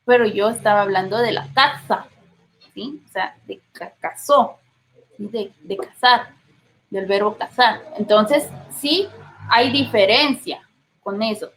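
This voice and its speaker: A woman's voice: mid-range voice, measured pace, fairly bright tone, a little hiss or hum, low-quality recording. A woman teacher with a Guatemalan accent giving a patient classroom lecture, often checking in with her listeners. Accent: Guatemalan Spanish. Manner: explains patiently, checks in with frequent rhetorical questions.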